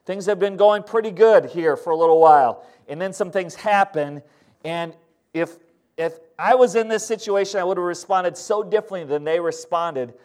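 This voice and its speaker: A man preaching as pastor, his voice sitting high for a man. He tells stories in an animated way, acting out what each person said. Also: normal speed. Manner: storytelling with acted-out quotes, animated. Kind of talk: sermon.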